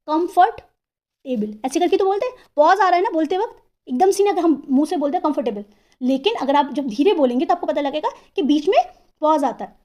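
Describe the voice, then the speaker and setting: A woman teacher explaining English grammar, asking herself questions and sounding out words slowly, syllable by syllable. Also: high-pitched, animated, dark tone. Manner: asks and answers her own questions.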